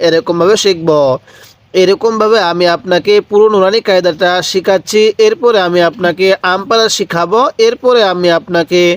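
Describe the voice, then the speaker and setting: A man with a Bangladeshi Bengali accent gives a slow Quran reading lesson, spelling out Arabic syllables and patiently repeating them so learners can read along. His voice is high-pitched and his pace moderate.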